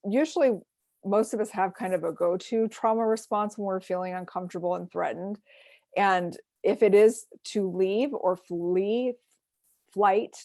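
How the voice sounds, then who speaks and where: A woman presenting an online self-care workshop, explaining grounding techniques gently with frequent fillers, heard over a video call. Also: medium pitch, creaky, no echo, clean studio sound.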